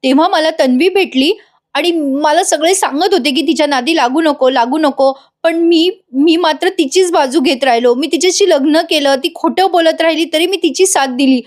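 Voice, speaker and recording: A woman voicing a distraught young husband who shouts and pleads in anguish. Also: high-pitched, moderate pace, voice pushed up, close to an everyday voice.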